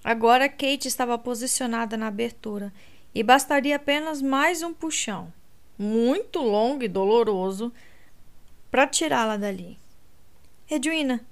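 A woman narrating a romance audiobook in a steady, measured way. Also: on the high side.

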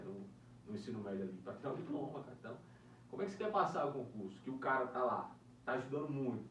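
Fast animated man, distant roomy mic. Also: high-pitched, slight background noise. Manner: profane, animated storytelling. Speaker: podcast co-host. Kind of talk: casual chat about exam prep.

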